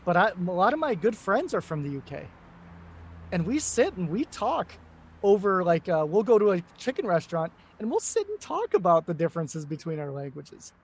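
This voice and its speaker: A man's voice: high-pitched, big pitch swings, moderate pace, slight background noise. A middle-aged American man, a guest on an interview show, talking casually and rambling with many fillers and restarts. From United States. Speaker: guest, English teacher. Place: home in Korea.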